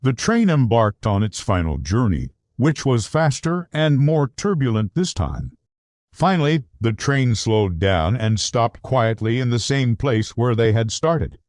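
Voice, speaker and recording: A man narrating a scripted children's adventure story in an animated storybook manner. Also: medium pitch, measured pace, dry recording, studio quality.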